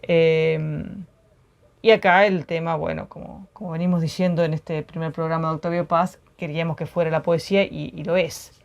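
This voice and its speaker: Female co-host with a low-set voice, reading verse and discussing it thoughtfully. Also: fairly even intonation, creaky, dull audio. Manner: reflective, measured, frequent tag questions. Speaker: poetry program co-host.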